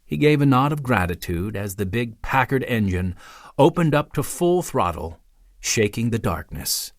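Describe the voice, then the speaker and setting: A man narrating a biography audiobook in a measured storytelling manner with dramatic pauses. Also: medium pitch, sing-song, no echo, clean studio sound. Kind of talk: scripted narration.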